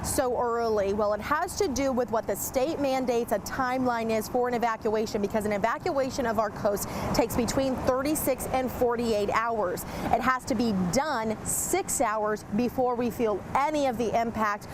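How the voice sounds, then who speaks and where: A woman's voice: fairly high pitch, normal speed, few pauses. A woman field reporter giving an explanatory, emphatic live news report from outdoors. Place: outdoors beside an interstate highway. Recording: noisy outdoor roadside with traffic. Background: vehicle and road noise.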